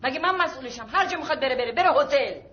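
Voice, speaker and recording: A woman's voice: high-pitched, animated, a bit bright, highs cut off. An actress playing an irritable, snobbish middle-aged mother who complains sharply. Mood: indignant. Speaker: mother of the family. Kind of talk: comedy film acting.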